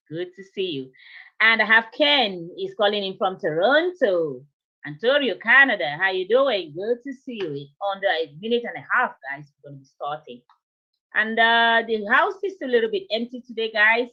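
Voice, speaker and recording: Bubbly woman hosting a webinar. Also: fairly high pitch. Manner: energetic, greets viewers by name, laughs often. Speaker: webinar host. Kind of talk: upbeat live webinar hosting. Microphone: video call. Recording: muffled lo-fi video call audio.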